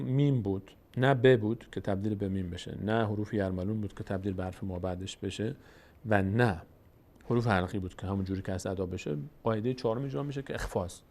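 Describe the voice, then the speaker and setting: A man with a Tajik-influenced Persian accent teaching Quran recitation, explaining the rules quickly and then drawing out the example words slowly. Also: fairly low pitch. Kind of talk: tajweed lesson with slow recited examples.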